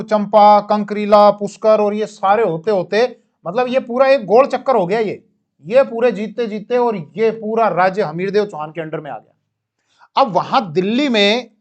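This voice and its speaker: Male history teacher with a high voice, explaining with asides and corrections. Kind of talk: classroom history lecture.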